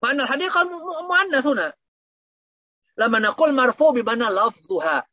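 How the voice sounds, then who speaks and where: A man's voice: extremely high pitch, lively intonation, fairly quick, sharp tone, no echo. A man teaching Arabic grammar in an online lesson, quizzing his students with repeated questions. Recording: dull, dry lo-fi audio.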